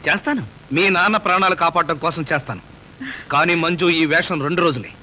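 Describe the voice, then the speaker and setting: A sarcastic grumbling young husband. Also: male voice, fairly high pitch, a little fast, bright, forceful tone, a little hiss or hum, poor audio. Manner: sarcastic, complaining. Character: young husband made to pose as cook, grumbling. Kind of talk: film dialogue. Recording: film soundtrack with music underneath.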